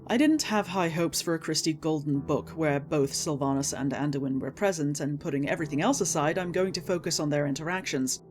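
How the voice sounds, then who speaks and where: Casting: woman with a lowish voice for sarcastic, exasperated rant commentary, emphatic and scripted, faint music underneath. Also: fairly quick, few pauses, darkish tone. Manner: indignant, sarcastic, emphatic ranting with incredulous outbursts; swears casually. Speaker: video essayist, game story critic.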